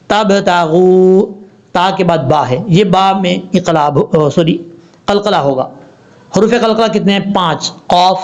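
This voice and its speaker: High-voiced man teaching tajweed patiently. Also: muffled recording. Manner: patient, repeats and spells out letters, asks and answers his own questions. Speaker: Quran recitation teacher. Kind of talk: tajweed lesson explaining rules step by step.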